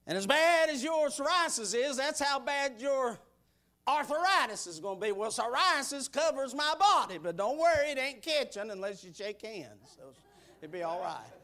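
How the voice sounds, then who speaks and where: A man in his sixties preaches a sermon in an extremely high, sing-song voice at a moderate pace. He builds rhythmic repeated lines into shouted bursts, then drops to quiet, folksy asides.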